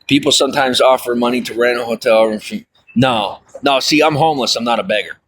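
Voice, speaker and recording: A man livestreams and chats casually with viewers, reading their comments and rambling with many fillers and folksy asides, often saying "I'll tell you what." His mid-range voice is brisk and a bit bright.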